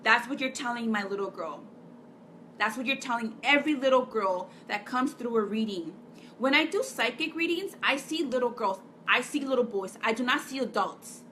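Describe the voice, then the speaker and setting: Fervent, bright-voiced woman preaching. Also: a little high, animated, normal speed, a little hiss or hum. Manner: fervent, preachy, repeats phrases for emphasis. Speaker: spiritual speaker and psychic reader. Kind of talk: impassioned spiritual vlog monologue.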